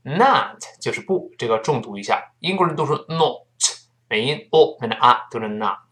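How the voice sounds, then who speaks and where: Speaking Mandarin Chinese, a man with a bright, forceful, mid-range voice gives an animated spoken English lesson. He slowly drills phrases and spells out words one letter at a time.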